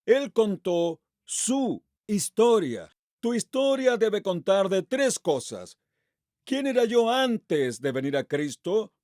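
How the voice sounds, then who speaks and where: A man's voice: high voice, very animated, slow, a little mellow, dry recording, clean studio sound. A man preaching a sermon as pastor, asking the congregation rhetorical questions and reading Bible passages aloud with emphatic delivery.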